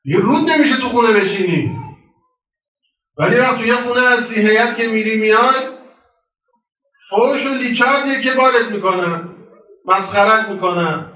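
A man giving a religious sermon in a colloquial storytelling way, moving between raised and hushed delivery. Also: very high-pitched, long pauses. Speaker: preacher. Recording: very echoey hall, voice from far off.

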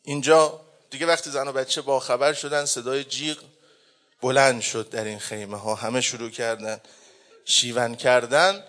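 A man preaching a mourning sermon, chanting the lament slowly and drawn-out, swinging between hushed and loud. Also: medium pitch, fairly even intonation. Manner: slow, drawn-out delivery.

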